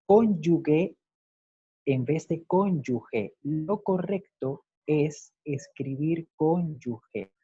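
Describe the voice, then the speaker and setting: A man teaching an online class, explaining examples patiently and repeating key words slowly. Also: fairly high pitch, warm tone, slightly rough, no echo. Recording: dull lo-fi computer audio.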